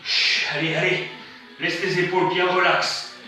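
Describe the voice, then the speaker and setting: A fitness instructor leads a live workout class, counting reps and countdowns aloud between short motivating commands. His voice is high, bright, and forceful yet flat in delivery and a little slow. The room is echoey, he's captured from far off, and music plays behind him.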